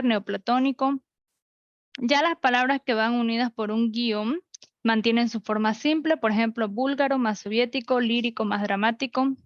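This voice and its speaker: A woman's voice: on the high side, no room sound, dull audio. A woman teaching an online class, explaining rules step by step with examples. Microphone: computer mic.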